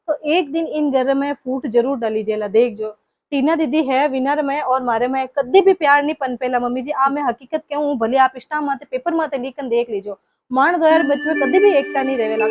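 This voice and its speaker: A woman's voice: sits high, natural voice. A woman with a Marwari accent playing a hurt young daughter-in-law who earnestly reproaches her mother-in-law. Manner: earnest, lecturing, emotional.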